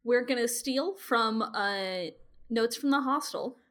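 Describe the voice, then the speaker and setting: A woman's voice: a little high, slow, a bit bright. A woman co-hosting a podcast in casual, informal chat, peppering her sentences with "like". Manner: informal, uses like often. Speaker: podcast co-host.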